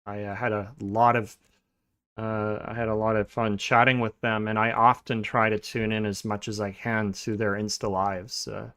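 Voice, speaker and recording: A man hosting a podcast in a relaxed, casual chat, pausing often with filler sounds and restarting sentences. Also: lowish voice, smooth. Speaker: podcast host.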